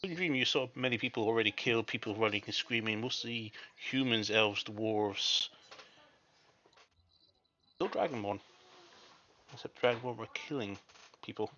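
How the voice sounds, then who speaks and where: A man's voice: medium pitch, normal speed, pauses often. A man narrating a tabletop role-playing game as dungeon master. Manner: descriptive, with shouted quotes of villains. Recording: dull lo-fi mic with faint noise.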